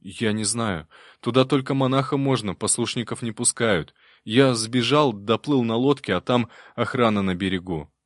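A man's voice: medium pitch, moderate pace, few pauses, no room sound, studio quality, natural voice. A man voicing a frightened, stubborn young novice monk who talks in a desperate, pleading way. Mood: anxious.

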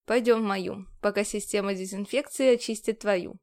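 A woman's voice: mid-range voice, steady tone, normal speed, darkish tone, natural voice. A woman voicing a blunt, caring female ship medic who speaks firmly. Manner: firm, demanding.

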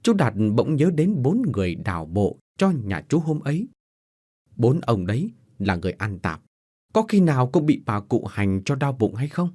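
A man narrating a Vietnamese village ghost story as a storytelling host, expressive throughout. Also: mid-range voice, moderate pace, husky.

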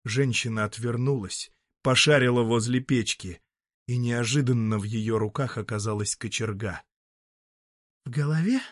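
A man narrating an audiobook in a dramatic, expressive storytelling manner. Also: medium pitch, normal speed, no echo, clean studio sound. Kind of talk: scripted narration.

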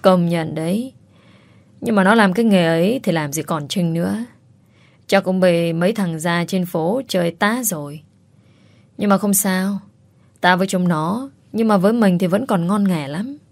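A leering, bossy old man in his sixties, played by a woman narrator, barking orders and threats. The voice sits low and is recorded close and dry, with no room around it. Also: moderate pace, darkish tone, no echo, natural voice. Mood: gruff. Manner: gruff, scolding, leering.

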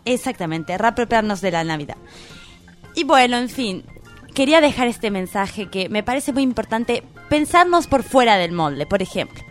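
A woman's voice: on the high side, expressive, normal speed, soft background music. A woman co-hosting a radio show, delivering a comedic column in a playful, impassioned campaigning tone. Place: radio studio.

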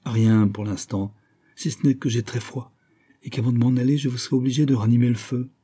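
A resigned, gentle young woman of means who has given up, read by a man in his own dark, husky voice. She speaks softly, as in an audiobook reading. The tone stays low and mellow throughout. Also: fairly even intonation, brisk, natural voice.

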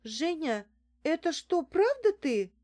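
A woman's voice: a little high, very animated, moderate pace, a little mellow, husky, pitched above the performer's own voice. A woman reading an audiobook, voicing a demanding young female client who exclaims in alarm.

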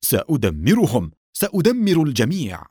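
A man voicing a fat male henchman who curses and yells in panic. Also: mid-range voice, very animated, normal speed, breathy edge, dry recording, studio quality. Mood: panicked. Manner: frantic, cursing, yelling in fear.

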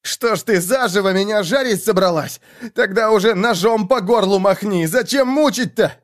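A man's voice: sits high, moderate pace, voice pushed up, lightly acted. A man voicing a panicking young man tied up over a fire, screaming, begging and threatening in pain. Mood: furious. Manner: screaming, pleading hysterically. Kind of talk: audiobook character voice.

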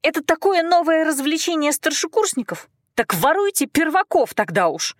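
A woman's voice: expressive, moderate pace, dry recording, studio quality. A woman voicing a frightened captive young woman who whines and sobs yet talks back defiantly. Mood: shrill indignant. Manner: shrill, whining and sobbing.

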